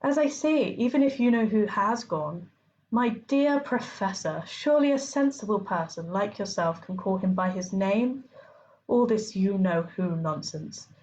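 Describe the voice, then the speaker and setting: A woman voicing a calm, gently amused old male wizard headmaster, in a storybook reading. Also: mid-range voice, a little slow, highs cut off, close to an everyday voice.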